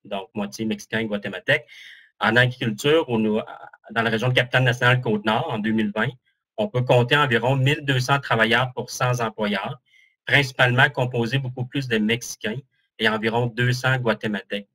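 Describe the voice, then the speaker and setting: A man with a Québécois French accent presents at a webinar over a video call. His voice is bright and forward, and his pitch sits in the middle. He talks in a chatty, self-mocking way, with plenty of "euh" fillers. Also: steady tone, brisk. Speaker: employment and HR counsellor presenting.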